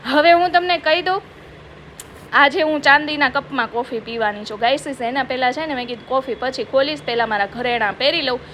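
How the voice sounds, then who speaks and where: A woman's voice: sits high, a little fast, fairly bright tone, a little hiss or hum. A woman doing a comic makeup vlog from her office, chatty and self-mocking, calling out to viewers. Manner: playful self-mocking, addresses viewers as guys. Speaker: comedy vlogger.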